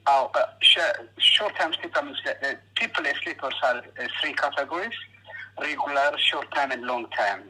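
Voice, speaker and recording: A man speaking English as a second language, hesitant and halting with many fillers, heard over a phone line. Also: mid-range voice, background noise. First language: not English. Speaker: date on a phone call.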